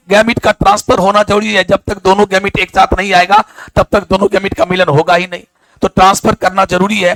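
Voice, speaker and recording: A man's voice: high-pitched, a bit bright, no echo. A male teacher giving a classroom lecture, quizzing and scolding his students.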